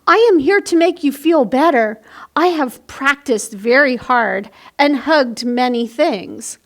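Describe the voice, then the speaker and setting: A woman's voice: high voice, slow pace, fairly bright tone, heavily acted. A woman voicing a tiny, innocent young dinosaur who speaks in simple, solemn declarations, in a children's picture book read-aloud. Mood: tender, devoted.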